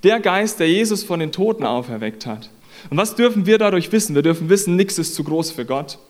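A man's voice: sits high, lively intonation, fairly quick. A man preaching a sermon in an earnest, conversational way, repeating phrases for emphasis.

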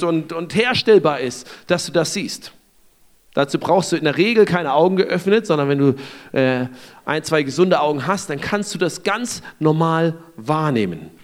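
A man with a high voice preaching a sermon. He retells a Bible story in a lively, conversational way and keeps turning to ask his listeners questions.

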